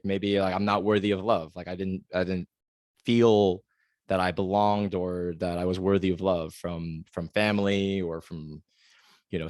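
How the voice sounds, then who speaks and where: This is a low-sitting male voice, captured in studio quality without any echo. The speaker is a podcast host from the United States in his 30s, musing alone on the mic in an earnest, confessional way, with many fillers and false starts.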